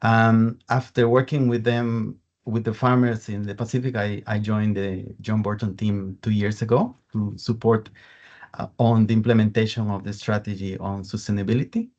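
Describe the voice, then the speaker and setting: This is a man from Costa Rica speaking English with a Spanish accent on a webinar panel. His voice sits low, with a gravelly fry. He talks earnestly, often repeating a word before going on, and the call audio is dull and lo-fi. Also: flat delivery, moderate pace, darkish tone. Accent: Costa Rican Spanish. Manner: earnest, with repeated words and restarts. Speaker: sustainability lead at a coffee importer. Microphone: video call.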